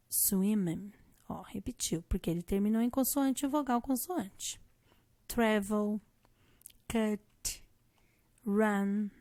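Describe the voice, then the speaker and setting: A woman's voice: mid-range voice, warm tone, dry recording. A woman teacher with a Brazilian Portuguese accent, patiently explaining an English grammar lesson and spelling letters out one by one.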